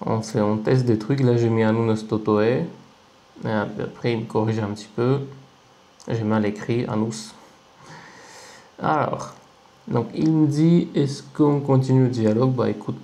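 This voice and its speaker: A man's voice: medium pitch, unhurried, creaky, long pauses, darkish tone. A man casually walking through his screen, chatty and amused, thinking aloud as he goes. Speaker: language-learning video creator. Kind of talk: casual screen-recording commentary.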